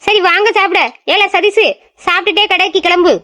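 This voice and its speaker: A woman's voice: very high voice, level tone, a little fast, bright, forceful tone. A woman voicing a bossy, caring village mother who gives homely orders. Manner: commanding, homely.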